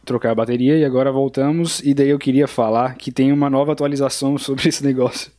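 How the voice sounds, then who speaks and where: A man's voice: medium pitch, steady tone, quick pace, dark tone. A young man co-hosting a casual podcast, teasing his co-host and laughing often.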